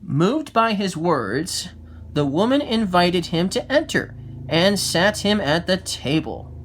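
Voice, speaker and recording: Slow, lively fairy-tale storyteller. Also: medium pitch, a little hiss or hum. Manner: lively, expressive reading with small slips.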